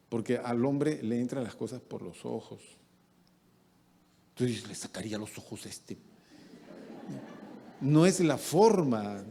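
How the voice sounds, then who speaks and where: A middle-aged man, a pastor delivering a sermon who acts out the voices he quotes. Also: slight background noise. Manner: lively, acts out quoted voices with big pitch jumps.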